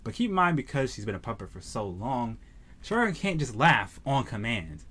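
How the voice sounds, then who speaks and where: A man casually reviewing an anime, retelling the plot as an excitable, slangy storyteller. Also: mid-range voice, moderate pace, breathy edge.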